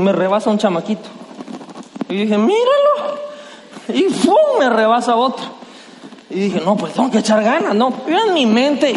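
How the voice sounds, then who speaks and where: Male pastor, high, animated storyteller, preaching in a church hall with long reverb. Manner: animated, acts out scenes with shouts and quoted voices. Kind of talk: storytelling sermon. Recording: echoey hall, slight noise.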